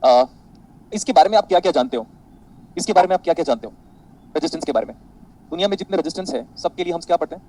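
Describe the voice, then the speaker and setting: Man, physics teacher, rapid delivery, slightly raised pitch, faint background hiss. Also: poor audio. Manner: animated, boastful, quizzes students constantly. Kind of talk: online classroom lecture.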